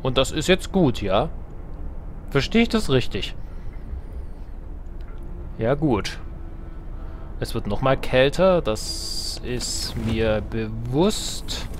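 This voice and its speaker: Over game music, a man hosts a let's play, casually commenting, reading game text aloud, and tossing in playful, self-ironic asides. His medium-pitched voice swings widely, he speaks slowly with long pauses, and there's slight background noise.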